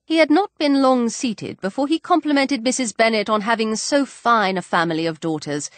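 A woman narrating an audiobook in an expressive storytelling read. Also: a little high, moderate pace, no room sound.

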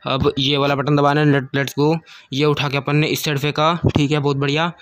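A man with a fairly high voice commentates his own game run, switching between Hindi and English words. He is excitable, pleading and yelping during hard fights. It sounds like a home computer mic with a screen recorder. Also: normal speed, no room sound. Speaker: gaming channel host. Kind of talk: let's-play commentary.

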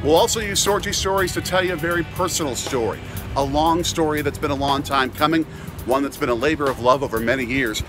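A man's voice: fairly high pitch, fast. A man in his forties hosting a casual vlog with his son, chatty and upbeat, filmed on a phone at arm's length in an indoor sports grill. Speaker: host, father. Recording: loud crowd chatter and music behind.

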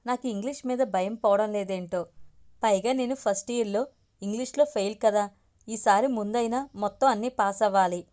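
A woman's voice: medium pitch, steady tone, fairly quick, darkish tone, lightly acted. A woman voicing a chatty college girl. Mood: worried. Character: young college girl, playful daughter.

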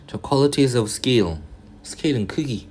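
A male English tutor going through a reading passage, reading the English slowly and explaining in quick asides, often muttering and grumbling to himself. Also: mid-range voice, animated, a little mellow, a little hiss or hum. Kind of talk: casual reading-passage lecture.

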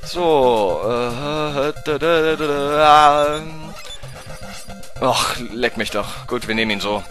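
This let's play gamer speaks with a German accent, cursing the game in excitable commentary that lurches between quiet muttering and abrupt shouts.

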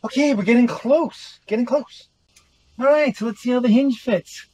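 A man's voice: extremely high pitch, normal speed, darkish tone, slight background noise, poor audio. A middle-aged man giving casual, upbeat how-to narration while working on a wooden boat outdoors, recorded on a nearby action camera. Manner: upbeat, explains each step while working. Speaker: boat-living vlogger. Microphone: wide-angle action camera nearby.

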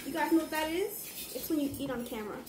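A woman's voice: high voice, expressive, fast. A teasing, giggly young woman chatting casually in a home kitchen. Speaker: cooking vlog co-host. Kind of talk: casual chat. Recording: echoey kitchen with noise.

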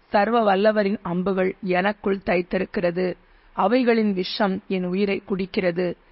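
A man reading scripture aloud in a steady, measured recitation. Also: high voice. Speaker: Bible reader. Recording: dull lo-fi recording.

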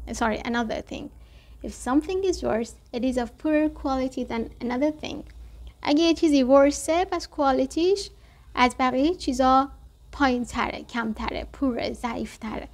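High-voiced female teacher, patient vocabulary lesson, slow careful reading of examples. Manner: reads English examples slowly, then explains them. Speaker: English teacher.

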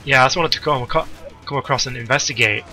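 A man bantering excitedly and swearing freely while playing a co-op game. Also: medium pitch, fast talker, faint music behind. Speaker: gamer playing co-op. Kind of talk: casual let's-play chat.

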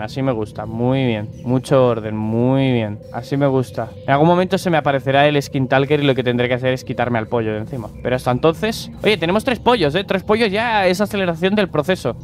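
Young man, Spain Spanish accent, slangy game commentary, higher voice, faint background hiss. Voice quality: slangy, joking, talks to viewers and animals. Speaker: gaming YouTuber. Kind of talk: casual gameplay commentary.

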